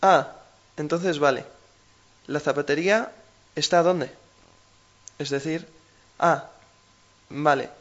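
A man's voice: a little high, takes it slowly, pauses often, fairly bright tone, muffled recording. A man with a Spain Spanish accent co-hosting a language lesson, explaining patiently with everyday examples. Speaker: language teacher co-host.

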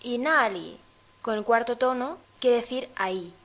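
Slow-speaking woman language teacher. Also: on the high side, animated, fairly bright tone, dull audio. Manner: measured, demonstrates pronunciation. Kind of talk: explanatory lesson chat.

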